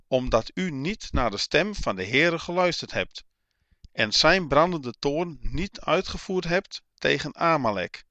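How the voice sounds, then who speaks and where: A man reading a Bible passage aloud in a slow, measured, even way. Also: medium pitch, no room sound. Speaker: Bible reader.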